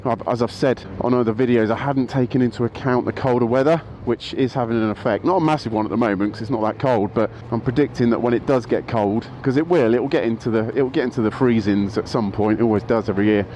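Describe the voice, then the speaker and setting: This casual vlog monologue features a man talking about his motorbikes outdoors by a road, street noise in the background. Breathless, he rambles and keeps interrupting himself to start sentences over, speaking fast with hardly any pauses in a warm, mid-range voice on a rough recording.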